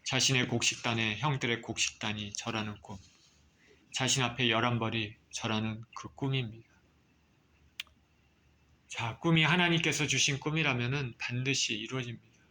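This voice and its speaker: A man preaching a sermon as pastor, reading scripture and explaining it with measured pauses. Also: medium pitch, bright, forceful tone, a little hiss or hum.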